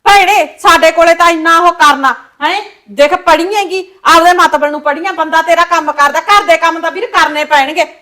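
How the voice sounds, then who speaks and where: A woman's voice: very high-pitched, a little fast, hardly any pauses, pushed and bright. A woman with a Punjabi accent acting a blunt sister-in-law in a short film, scolding about chores. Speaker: sister-in-law in a village household.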